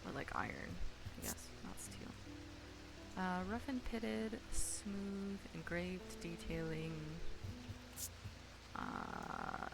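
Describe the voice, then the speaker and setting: A woman's voice: on the low side, wildly swooping pitch, very slow, gravelly, low-quality recording. A woman streaming a game, musing aloud, reading game text and chatting to her viewers. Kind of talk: casual gameplay commentary. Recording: game music behind the voice.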